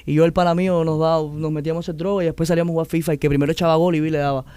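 A Cuban man talks fast and animatedly in a casual interview, his voice high and smooth. The sound is close and dry, with no room around it. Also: dry recording. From Cuba. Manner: animated storyteller, mimics accents. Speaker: guest musician.

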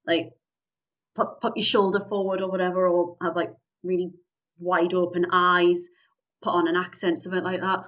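A woman's voice: lowish voice, little pitch movement, normal speed, fairly bright tone. A woman from Newcastle with a northeast English Geordie accent, chatting casually as an interview guest about her performing. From Newcastle upon Tyne, northeast England. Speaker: guest, improv comedy performer. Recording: dull, distant-sounding lo-fi audio.

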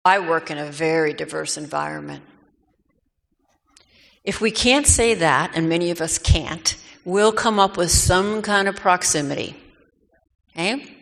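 A woman lectures to a room, her tone bright and forceful, throwing herself into mocking quoted lines. The recording carries the long echo of a big lecture hall. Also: lowish voice, measured pace, vocal fry, pauses often. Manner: animated, mocking quoted voices. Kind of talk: lecture to a live audience.

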